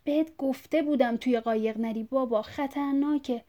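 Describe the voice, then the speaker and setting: A woman's voice: high-pitched, lo-fi sound, pitched above the performer's own voice, lightly acted. A woman reading a story aloud, voicing a grown son who pleads patiently with his father. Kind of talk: audiobook reading.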